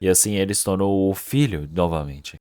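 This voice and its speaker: A man's voice: sits low, brisk, mellow, clear, resonant tone, dry recording, clean studio sound. A male pastor giving a Sunday sermon at a church service, earnest and emphatic, often putting rhetorical questions to the congregation. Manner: earnest, emphatic preaching with repeated words.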